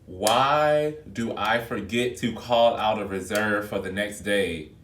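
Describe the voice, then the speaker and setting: A man speaking in a fairly low voice chats through his work schedule in a loose, expressive way, calling his viewers y'all. He is recorded on a phone video set back from him, so the voice sounds distant and echoes around the room. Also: takes it slowly, slight background noise. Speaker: flight attendant vlogger. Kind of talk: casual vlog chat to viewers.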